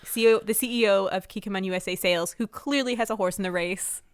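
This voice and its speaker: A woman's voice: mid-range voice, quick pace, no echo, studio quality. A young woman from Canada with a Canadian accent, co-hosting a podcast in casual, chatty talk full of "like". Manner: chatty, laughing, many "like" fillers. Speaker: podcast co-host. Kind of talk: casual chat.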